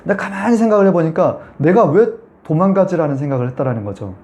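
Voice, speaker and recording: A male pastor gives a Sunday sermon as a story, often turning to the congregation with questions. His pitch sits fairly high and moves up and down a great deal. His tone is mellow and warm. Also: fast talker. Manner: animated storytelling, conversational with the congregation.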